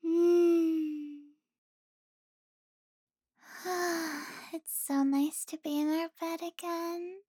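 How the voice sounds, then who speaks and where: A young woman playing an affectionate, teasing girlfriend in an intimate audio roleplay, speaking softly with sighs and giggles. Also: extremely high pitch, little pitch movement, very slow, pauses often, no echo, studio quality, full character voice.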